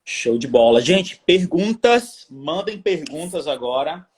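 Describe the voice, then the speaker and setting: A man's voice: on the high side, animated, slow pace. Upbeat Brazilian co-host man. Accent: Brazilian Portuguese. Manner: upbeat, thanks viewers by name. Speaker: live stream co-host reading questions. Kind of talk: live stream hosting.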